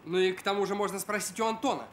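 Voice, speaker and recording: A young man playing a cheeky, excitable student detective in a sitcom. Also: high-pitched, rapid-fire, a little hiss or hum, lightly acted. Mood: eager. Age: young adult. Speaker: actor in a student comedy series. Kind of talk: sitcom dialogue. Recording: roomy set sound with music underneath.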